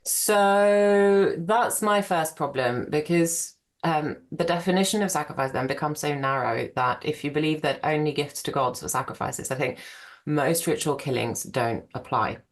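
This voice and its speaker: Very low-voiced woman, chatty scholar. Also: moderate pace. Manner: chatty, rambling, laughs easily. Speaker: archaeologist guest. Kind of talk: conversational podcast interview.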